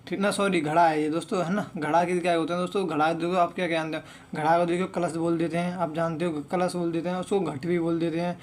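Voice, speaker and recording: A young man teaching an online Hindi exam-prep lesson, reading word lists slowly and often saying "okay, friends". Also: fairly high pitch, flat delivery. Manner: reads word lists slowly, one word at a time.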